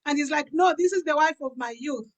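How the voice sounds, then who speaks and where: In a fast, high voice, an African pastor in her 50s gives a conversational testimony about her health and business. She stresses her points by repeating phrases emphatically. The recording has its highs cut off.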